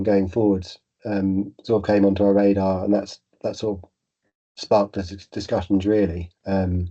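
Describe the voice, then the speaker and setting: Male meeting presenter with a heavy cold: muffled, congested and dark-toned, hesitant delivery, flat intonation, lo-fi sound. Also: lowish voice, slightly rough. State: has a bad cold. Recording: dull, lo-fi meeting audio.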